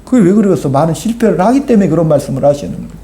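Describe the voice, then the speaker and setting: A man's voice: fairly high pitch, animated, racing, mellow. A pastor preaching a sermon to his congregation, emphatic and checking in with them through rhetorical questions.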